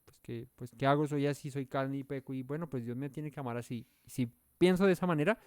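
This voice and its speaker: A man's voice: medium pitch, brisk, clear, resonant tone, no room sound, clean studio sound. Earnest man teaching a Bible study. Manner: earnest, explanatory, pressing key points with rising emphasis; self-correcting, searching for words aloud.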